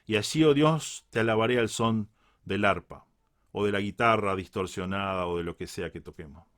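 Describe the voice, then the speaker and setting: A man's voice: lowish voice, moderate pace, a bit bright. A man with a Uruguayan Spanish accent preaching a reflective Bible sermon, earnest and repeating key phrases for emphasis.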